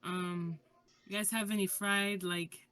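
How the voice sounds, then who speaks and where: Soft-spoken woman playing a tabletop game. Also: medium pitch, fairly even intonation, slow pace, smooth. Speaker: player.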